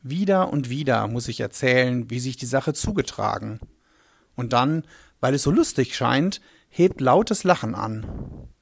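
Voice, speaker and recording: A man's voice: medium pitch, expressive, a little slow, vocal fry, dry recording. A man playing a humble swineherd who tells his story in a reflective, vivid way. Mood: thoughtful. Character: humble male swineherd recalling a strange day. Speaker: first-person narrator. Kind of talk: dramatic storytelling monologue.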